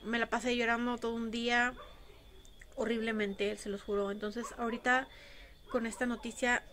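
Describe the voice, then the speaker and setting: Mexican woman vlogging, kinda high voice, chatty, says stuff twice, bit of hiss behind. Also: flat delivery, normal speed, fairly bright tone. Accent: Mexican Spanish. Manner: chatty, repeats phrases for emphasis. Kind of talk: casual vlog chat.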